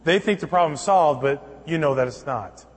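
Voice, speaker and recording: A pastor delivering a sermon, telling stories with acted-out dialogue and building to emphatic points. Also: male voice, a little high, moderate pace, long reverb tail. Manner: storytelling with acted dialogue, rising to emphatic preaching.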